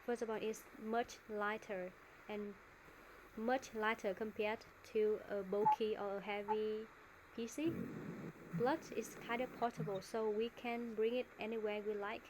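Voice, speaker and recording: A woman's voice: mid-range voice, fairly even intonation, measured pace, noisy background. A woman teacher with a Vietnamese accent coaching students in an online English speaking class, modelling answers and explaining words.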